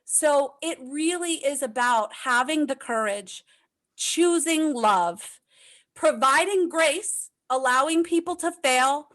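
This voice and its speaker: Emphatic American woman guest, high voice, conversational. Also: expressive, slow pace, a bit bright. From United States. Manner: emphatic, repeats points for effect. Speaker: podcast guest, leadership consultant. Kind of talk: casual interview chat.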